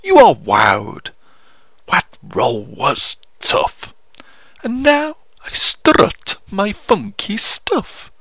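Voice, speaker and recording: A man's voice: huge pitch swings, very slow, gravelly, fairly bright tone, slightly rough, no echo, exaggerated voice. A man putting on a posh, theatrical voice to recite comic verse as a pompous male poet. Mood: grandiose. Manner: plummy, sing-song, exaggerated swoops in pitch.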